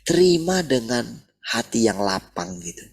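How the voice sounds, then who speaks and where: Male preacher, husky voice, lively pitch, casual sermon delivery. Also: unhurried. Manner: animated, repeats "gitu" often. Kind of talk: sermon over video call.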